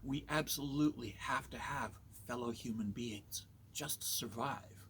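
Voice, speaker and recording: A man from Canada talking in a slow, measured, somewhat preachy monologue. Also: medium pitch, a bit bright, a little hiss or hum. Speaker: vlogger.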